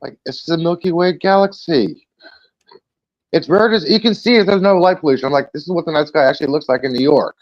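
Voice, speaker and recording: Excitable man with a muffled lo-fi sound. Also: fairly high pitch, brisk. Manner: excitable, acts out his own reactions in quotes. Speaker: show panelist. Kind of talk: casual chat.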